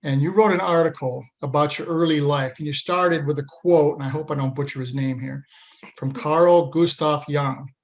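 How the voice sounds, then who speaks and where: A man hosts a podcast with an earnest, emphatic delivery. His voice sits a little high for a man. He moves from a scripted opening into a relaxed interview. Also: moderate pace. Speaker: podcast host. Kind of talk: scripted intro then interview.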